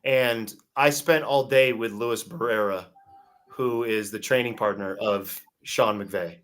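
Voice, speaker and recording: A man co-hosting a casual podcast, talking in a measured way with many pauses and fillers. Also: fairly low pitch, a bit bright. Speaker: podcast co-host.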